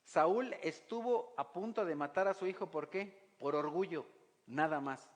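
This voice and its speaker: A man's voice: on the high side, measured pace. A man delivers a sermon in a slightly raised voice. He keeps putting rhetorical questions to the congregation and reads scripture aloud between his points. A long reverb trails his voice through the church hall. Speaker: pastor.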